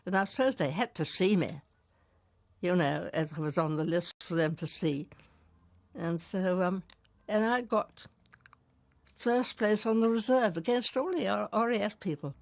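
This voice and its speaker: A woman's voice: mid-range voice, expressive, unhurried, vocal fry, pauses often, dry recording. An older woman, a former pilot, telling an anecdote in an interview in a chatty way with laughing asides. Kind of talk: interview storytelling.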